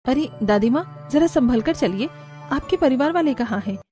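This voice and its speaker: A woman's voice: high-pitched, animated, normal speed, warm tone, soft background music. A woman voicing a kind, modest young woman in a cartoon, polite and caring. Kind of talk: cartoon voice acting.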